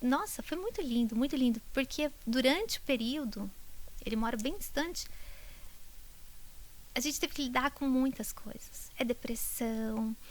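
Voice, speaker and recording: A woman's voice: high-pitched, normal speed. A middle-aged woman, a doctor, telling emotional stories in a podcast interview, her voice sometimes dropping to a whisper. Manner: emotional, animated storytelling that drops to a whisper. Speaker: doctor treating multiple sclerosis patients.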